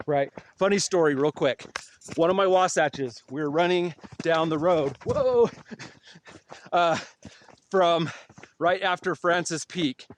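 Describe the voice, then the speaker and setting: Male podcast host, chatty storyteller, slightly high pitch, faint noise underneath. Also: slow. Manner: animated storyteller, laughs easily. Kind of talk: casual interview chat.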